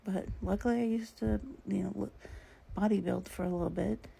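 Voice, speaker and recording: A woman's voice: medium pitch, steady tone, fairly quick, creaky, mellow, breathy edge, low-quality recording. A woman caring for her father tells a story in a casual vlog, often dropping to a whisper and laughing as she talks. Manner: often drops to a whisper, laughs through the telling. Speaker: family caregiver for her father.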